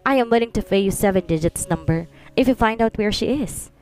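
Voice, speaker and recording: A woman voicing a tender, apologetic young male CEO in a storybook romance, speaking slow and soft, with faint music behind. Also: mid-range voice, close to an everyday voice. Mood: pleading tender.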